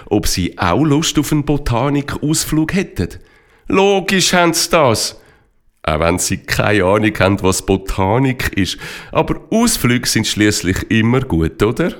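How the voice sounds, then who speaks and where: A man with a Swiss accent narrates a children's story. His voice sits a little low, yet the pitch rises and falls a lot. He tells it in a lively, playful way.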